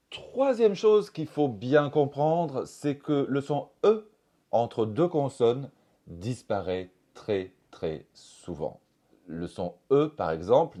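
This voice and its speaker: A man's voice: fairly low pitch, warm tone. A man with a French accent teaching a pronunciation lesson, speaking carefully and repeating example phrases. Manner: slow, careful, demonstrating phrases by repeating them.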